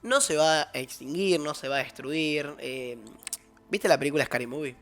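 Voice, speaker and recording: A man's voice: fairly high pitch, moderate pace, fairly bright tone. A man with an Argentine accent, a guest analyst explaining politics in casual discussion, often restarting and correcting himself.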